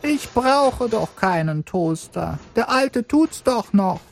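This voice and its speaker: A man voicing a kindly, good-natured old grandmother in an audiobook, speaking slowly and softly. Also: extremely high pitch, lively intonation, vocal fry, pitched above the performer's own voice, full character voice. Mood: gentle. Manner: slow, soft, good-natured.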